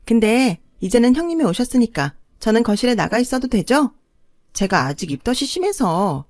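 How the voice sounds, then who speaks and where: A woman voicing a spoiled, pregnant young sister-in-law who whines and pleads in a high, sly voice, in a dry recording. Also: very animated, normal speed, darkish tone, no room sound. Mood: whiny.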